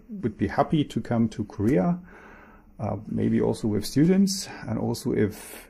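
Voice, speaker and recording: A man's voice: lowish voice, vocal fry, warm tone, husky. A man presenting his research in a recorded talk, explaining patiently with frequent restarts and fillers.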